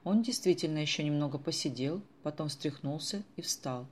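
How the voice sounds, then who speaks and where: A steady audiobook narrator reading a children's detective story. The delivery is even and measured. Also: mid-range voice, a little hiss or hum. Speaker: audiobook reader.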